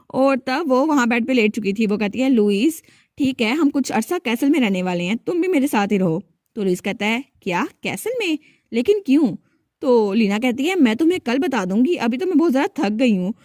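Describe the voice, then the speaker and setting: A woman with a fairly high voice narrates a comic story to a close microphone. The sound is dry, with no room around it. She speaks each character's lines in her own voice and barely changes it. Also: darkish tone, no room sound. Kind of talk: retelling a comic story with quoted dialogue.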